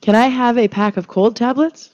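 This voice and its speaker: A man putting on a high falsetto voice to play a customer asking for medicine in a drugstore dialogue. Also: darkish tone, faint music behind, exaggerated voice. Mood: polite. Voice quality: high falsetto, slow and careful. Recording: muffled lo-fi recording.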